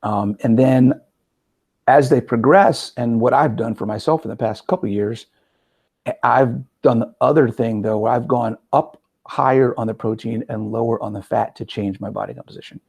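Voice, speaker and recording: A man in his forties hosting a casual interview as a coach, talking in an energetic, conversational way with frequent "right?" asides. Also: medium pitch, normal speed, creaky, husky. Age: 40s. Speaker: podcast host and metabolic coach.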